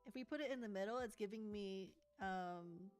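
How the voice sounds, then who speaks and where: A woman's voice: medium pitch, normal speed, darkish tone, faint music behind. A young woman chatting casually and playfully while she crafts in her journal, joking and giggling as she talks to viewers. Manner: playful, giggly, sings snatches of songs.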